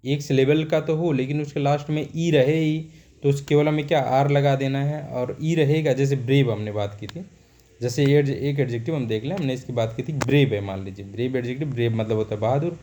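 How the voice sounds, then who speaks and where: A man teaching a grammar lesson. His voice sits in a middle range with a dark, mellow tone. He repeats points and poses questions he then answers himself. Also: mid-range voice, a little fast, slight background noise. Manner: repetitive, asks and answers himself.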